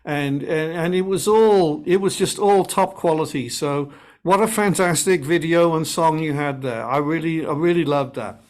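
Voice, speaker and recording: A man's voice: fairly high pitch, moderate pace. A man with a Welsh accent, a guest musician chatting enthusiastically on a podcast call, often restarting his sentences. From Wales. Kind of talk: casual video-call podcast chat.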